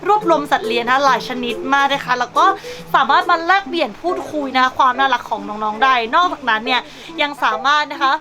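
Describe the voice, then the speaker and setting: A woman with a high, animated voice races along with hardly any pauses, presenting a pet shop vlog in a gushing, cutesy style that jumps between sales talk and baby talk. Background music and crowd noise surround her.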